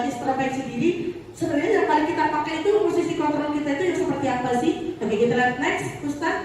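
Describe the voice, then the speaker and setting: A woman teacher giving a casual workshop presentation to colleagues in a chatty way, often acting out phrases a teacher might say. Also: high voice. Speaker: teacher leading a staff workshop. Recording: echoey room, distant mic, faint noise.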